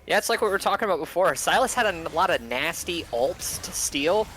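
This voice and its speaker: Bright-voiced male esports analyst. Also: sits high, lively intonation, a little hiss or hum. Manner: analytical, quick to laugh. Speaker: esports caster. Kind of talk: live color commentary.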